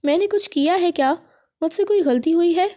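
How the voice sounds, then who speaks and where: A woman voicing a hurt young wife who pleads and questions in a high, soft-toned voice. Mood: pleading. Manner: pleading, emotional.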